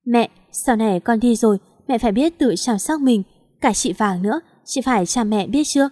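A woman's voice: fairly high pitch, normal speed, mellow, lightly acted. Weary young woman, as a woman narrator puts her on; subdued, tired, storybook read.

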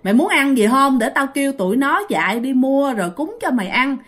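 A woman's voice: high-pitched, animated, fairly quick, fairly bright tone. A woman voicing a weary middle-aged male manager who scolds in blunt questions. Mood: scolding.

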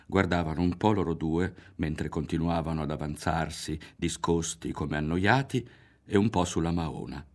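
Deep-voiced man narrating a novel. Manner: measured, expressive, dropping to hushed tones. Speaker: audiobook reader. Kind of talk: literary audiobook narration. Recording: faint music underneath.

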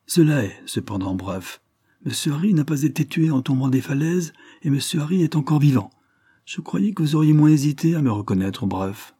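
A man voicing a grave, commanding aristocratic lord near death, who speaks in a measured, solemn way. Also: a little high, animated, dark tone, husky, no room sound, clean studio sound, pitched above the performer's own voice.

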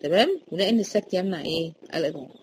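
A woman's voice: on the low side, animated, racing, slightly rough, low-quality recording. A woman teacher with an Egyptian accent explaining a recitation lesson, asking questions and answering them herself. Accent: Egyptian Arabic.

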